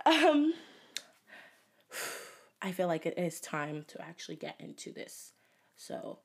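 A woman's voice: lowish voice, a little mellow, husky. A young woman hosting a casual solo podcast, chatty and giggly, sometimes dropping into a whisper. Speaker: podcast host.

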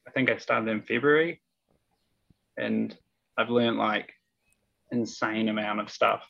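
A young New Zealand man with a low voice full of vocal fry. He chats in a laconic, low-key way on slightly muffled audio. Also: fairly even intonation, measured pace, fairly bright tone. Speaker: podcast guest. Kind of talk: casual chat.

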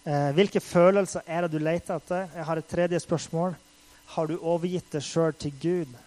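A man's voice: a little high, fairly even intonation, darkish tone, rough recording. A man preaching in a casual, conversational way, full of fillers, building to intense acted-out quotes. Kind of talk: casual sermon.

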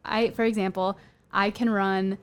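A woman's voice: mid-range voice, little pitch movement, measured pace, clean tone. A young woman guest in a casual podcast chat, talking openly with many fillers. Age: young adult. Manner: chatty, many "like" fillers, light laughs.

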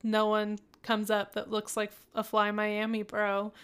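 Woman, young adult, podcast co-host, chatty recap, laughs often, smooth clear voice. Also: medium pitch, completely flat delivery, unhurried, a bit bright. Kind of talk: casual chat.

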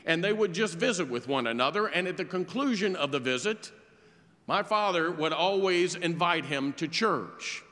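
Guy preaching a sermon, bright clear voice, long echo off the church walls. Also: on the high side. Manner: storytelling preacher, measured and earnest. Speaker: pastor. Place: church sanctuary.

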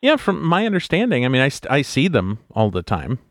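A man hosting a podcast interview, talking in a relaxed, halting way. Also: mid-range voice, no room sound, studio quality. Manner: relaxed, halting, lots of fillers. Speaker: podcast host. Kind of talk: casual interview chat.

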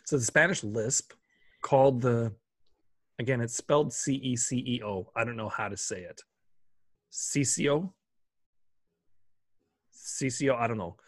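A man's voice: medium pitch, unhurried, long pauses, no room sound. A man hosting a casual chat, curious and playful, stumbling over Spanish words while reading from an article. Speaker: host.

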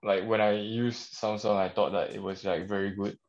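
A laid-back young man chats on a casual podcast, mumbling and letting his sentences trail off. His voice is fairly low, and the recording sounds dull and lo-fi. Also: flat delivery, moderate pace.

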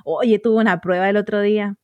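A young woman with a Chilean accent, co-hosting a casual chat and telling animated stories with slangy asides. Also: mid-range voice, no echo, dull audio. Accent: Chilean Spanish. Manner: animated storyteller, quick slangy asides and laughter. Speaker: podcast co-host. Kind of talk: casual chat among friends.

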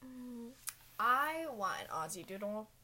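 An eighteen-year-old woman chats with a close friend as a guest, teasing her bluntly and laughing a lot. Her voice sits a little high and sounds bright, and her pitch jumps around freely. She speaks into a tabletop podcast mic. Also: big pitch swings, takes it slowly, slight background noise. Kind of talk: casual chat.

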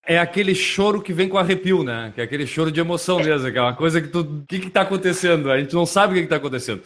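A man hosting an interview, talking in a relaxed, reflective way. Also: a little high, rapid-fire. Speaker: host. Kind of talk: casual interview chat.

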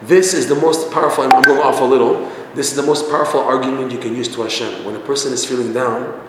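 A man's voice: mid-range voice, steady tone, fast talker. A man teaching a religious lesson through a story, conversational with frequent restarts. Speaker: Torah teacher. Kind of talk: storytelling sermon. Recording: echoey hall, faint noise.

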